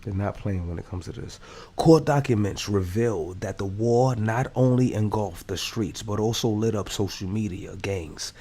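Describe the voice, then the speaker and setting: A man's voice: lowish voice, normal speed, warm tone. A man giving slangy, laid-back commentary while reading a news story aloud. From Brooklyn, New York. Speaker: commentary host.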